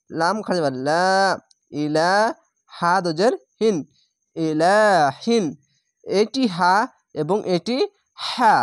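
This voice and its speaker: Woman, Quran reading teacher, low-ish voice, spells letters then stretches words, dry close sound. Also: no room sound. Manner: stresses throaty sounds by repeating them. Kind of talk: step-by-step recitation lesson.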